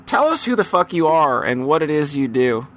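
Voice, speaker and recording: A man's voice: fairly high pitch, very animated, normal speed. A man hosting a casual podcast chat, rambling loosely with lots of ums and the odd swear word. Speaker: podcast host.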